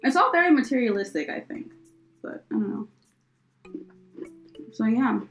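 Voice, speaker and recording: A woman's voice: on the high side, expressive, normal speed, creaky, faint music behind, poor audio. Giggly young woman chatting on a podcast. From United States. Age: young adult. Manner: laughs often, rambling with many fillers. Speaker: podcast co-host. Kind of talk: casual chat.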